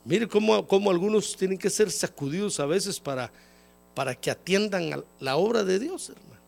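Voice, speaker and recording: A man preaching at a church service, his high voice gravelly and full of swooping pitch. He has a cold and talks in a folksy way, often calling the listener "brother". When he gets emphatic his voice climbs much higher. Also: lively intonation, moderate pace. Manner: folksy, repeatedly calls listeners "hermano". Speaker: pastor. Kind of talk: sermon.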